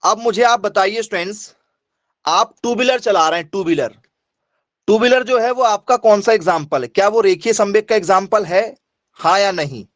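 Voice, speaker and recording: A man's voice: high-pitched, normal speed, a bit bright, no room sound. A male teacher giving an online class lecture. He repeats his points and keeps quizzing students, asking them for yes or no replies.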